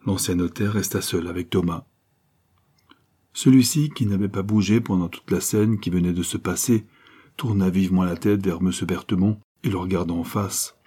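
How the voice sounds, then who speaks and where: Low, husky-voiced male storyteller. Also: moderate pace. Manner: steady storytelling. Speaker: audiobook reader. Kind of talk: scripted narration of a novel.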